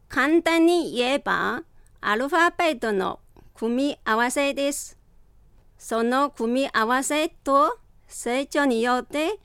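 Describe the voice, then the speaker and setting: A woman teaching a beginner language lesson, explaining sounds carefully and deliberately. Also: sits high, fairly bright tone, no echo, studio quality. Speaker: Chinese language instructor. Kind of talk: slow scripted language lesson.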